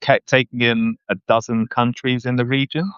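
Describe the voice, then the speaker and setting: A man, a guest speaking thoughtfully in a casual interview, often pausing and restarting. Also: mid-range voice, level tone, fairly bright tone, clear, resonant tone, dry recording. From London, England. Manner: reflective, hesitant with many restarts and ums. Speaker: guest, running writer. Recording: dull, dry lo-fi audio.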